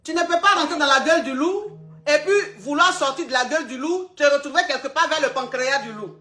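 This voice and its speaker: Calling the person on the line "ma chérie," this advice show host is blunt and keeps repeating herself during the live call. Her voice sits high, with a fairly quick pace and a sharp tone.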